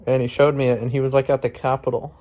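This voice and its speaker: A man's voice: mid-range voice, little pitch movement, quick pace, darkish tone. A young man from Florida vlogging casually into a phone camera, rambling with lots of fillers and laughing often, first outdoors at a protest and then in his room. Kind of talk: casual vlog talk.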